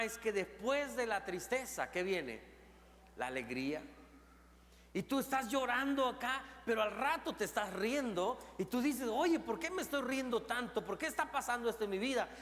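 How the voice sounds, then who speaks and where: A male pastor with a Mexican accent preaching a sermon in a church, rising to loud intensity and then dropping low and soft. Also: animated, normal speed. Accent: Mexican Spanish. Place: church sanctuary. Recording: long reverb of a church hall.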